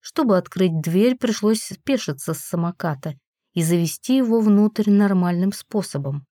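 A woman's voice: mid-range voice, animated, moderate pace, mellow, no echo, clean studio sound. A woman reading a first-person fantasy story aloud with wry, sarcastic narration. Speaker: audiobook narrator.

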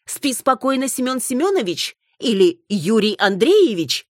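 A woman doing a shrill, hysterical jealous wife. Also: moderate pace, breathy edge, no room sound, studio quality. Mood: furious. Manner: shrill, accusing, near tears.

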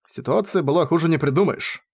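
A man reading a first-person novel aloud with expressive storytelling. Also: fairly high pitch, fairly quick, husky. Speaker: audiobook reader.

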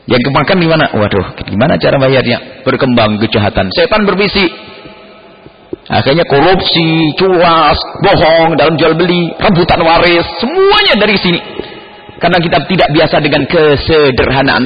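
A man preaching a sermon in a lively storytelling manner, acting out family members as he goes. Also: fairly high pitch, slight background noise. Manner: animated storytelling, acts out family members in quotes. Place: mosque gathering hall. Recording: echoey hall, dull lo-fi sound.

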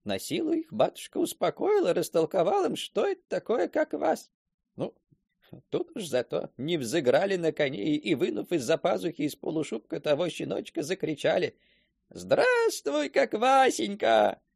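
Old village chatterbox, husky, high and wildly sing-song. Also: male voice, dry recording, clean studio sound, full character voice. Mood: storytelling. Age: older. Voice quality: husky and creaky. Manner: lively, quick to mimic others' voices. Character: talkative old village man spinning a yarn. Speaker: storyteller character. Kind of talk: radio play acting.

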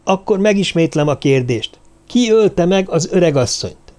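A man's voice: high-pitched, expressive, a little mellow, pitched above the performer's own voice. A stern male investigator presses the suspects with firm, repeated questions, as a male narrator reads him. He sounds in control and insistent in an audiobook.

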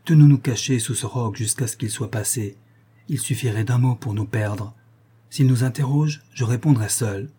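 A man's voice: mid-range voice, normal speed, dark tone, breathy edge. A man reading aloud and voicing a young nobleman who speaks firmly and commandingly. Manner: firm and commanding. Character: resolute young male nobleman.

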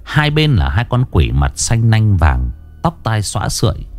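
A man's voice: on the low side, huge pitch swings, normal speed, a little mellow, faint music behind. A man narrating a horror story in a dramatic, vivid storytelling manner.

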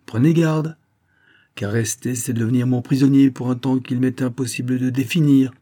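A man voicing a calm, mysterious young woman bent on vengeance, speaking gravely and gently in an audiobook reading. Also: medium pitch, normal speed, voice pushed up, lightly acted. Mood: warning.

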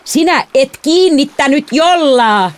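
A woman voicing a hot-tempered teenager in an audiobook, yelling impatiently. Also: medium pitch, wildly swooping pitch, voice pushed up. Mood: angry.

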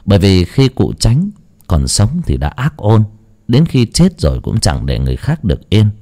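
A man narrating a horror story in a dramatic, drawn-out way. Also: lowish voice, wildly swooping pitch, warm tone.

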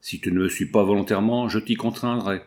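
A man's voice: lowish voice, steady tone, fast, a little mellow, natural voice. A man voicing a cynical, brutal male foreman who gives orders and threats. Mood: threatening. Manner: cynical, commanding.

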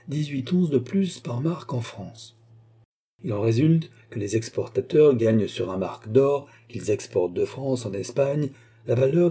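Guy reading as slick court minister, smiling and sure of himself, dark husky voice. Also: medium pitch. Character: smooth scheming male royal finance minister.

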